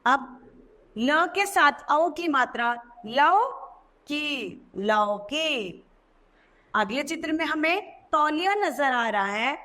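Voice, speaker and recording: A woman teacher narrating a children's language lesson, slow and emphatic, stressing key words in a sing-song way. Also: high voice, animated, bright, forceful tone. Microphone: voice-over.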